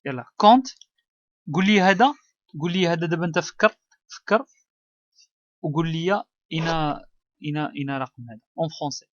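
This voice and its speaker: A man with a Moroccan accent, a primary school teacher giving a child a one-on-one reading test, coaxing patiently, repeating words slowly and mixing French with Arabic. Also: a little high, lively intonation, no echo. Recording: dull dry lo-fi recording.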